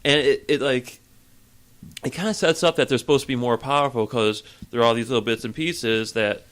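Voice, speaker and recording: A man's voice: medium pitch, moderate pace, fairly bright tone. Joking, rambling man reviewing a film. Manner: joking, rambling, laughs between remarks. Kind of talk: casual movie review chat.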